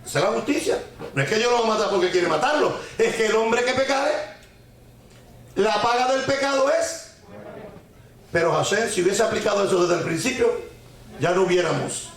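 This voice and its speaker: A man with a fairly high voice teaching a sermon on the weekly Torah portion. He keeps asking rhetorical questions and repeating lines for emphasis, dropping in Hebrew terms and folk sayings. The recording rings with heavy echo from the room. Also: lively intonation, moderate pace, pauses often, fairly bright tone. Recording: very echoey room.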